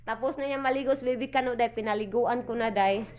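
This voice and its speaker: A Filipino mother and vlogger with a Visayan accent speaks fast in a voice on the high side and a little mellow. Indoors at the family home, she chats casually on her home vlog, mixing languages and cooing at her baby.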